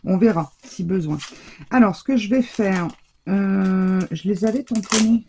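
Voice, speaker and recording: A woman hosting a casual crafting tutorial, chatting warmly to her viewers with many fillers and self-corrections. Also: mid-range voice, measured pace, slight background noise. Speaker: crafting channel host.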